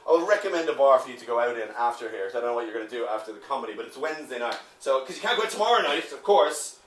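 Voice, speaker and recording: A man with an Irish accent working the crowd as a comedy club MC, brash and full of swearing banter. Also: a little high. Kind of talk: stand-up crowd work. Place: upstairs comedy room in a bar. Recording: echoey room from far off, loud noise. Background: audience laughing.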